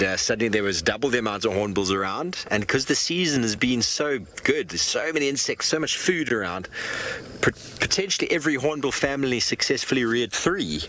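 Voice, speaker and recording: A male safari guide chats playfully as he gives live nature commentary. His voice is low yet bright and forceful, recorded outdoors over clear background noise. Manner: chatty, playful remarks on animals. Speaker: wildlife safari guide host.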